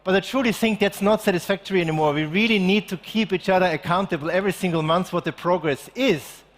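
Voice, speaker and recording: Urgent high-voiced man on a festival stage. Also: fast. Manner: earnest, urgent, with restarts. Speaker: conference speaker. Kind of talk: conference talk. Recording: long hall reverb.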